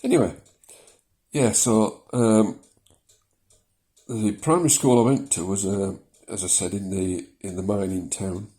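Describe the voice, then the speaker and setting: This fairly low-pitched man in his seventies, from South Yorkshire, England, vlogs casually into his mobile phone in his living room, his Yorkshire accent softened. He talks at a measured pace, pausing often, rambling and hesitant with many ums and small laughs.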